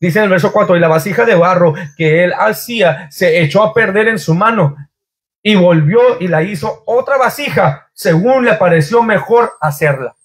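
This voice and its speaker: A man's voice: high-pitched, moderate pace, husky. A man, a pastor, preaching a sermon in a church, asking the congregation rising, pleading questions.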